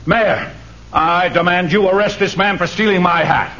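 An actor playing an irritable neighbor in old-time radio comedy, making sharp, indignant retorts. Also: male voice, high voice, steady tone, moderate pace. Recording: dull vintage radio recording.

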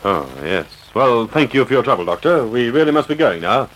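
An actor playing a confident, urbane gentleman sleuth, decisive and suave, in a vintage radio drama. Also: mid-range voice, animated, a little fast. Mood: assured, measured. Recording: noisy vintage radio recording.

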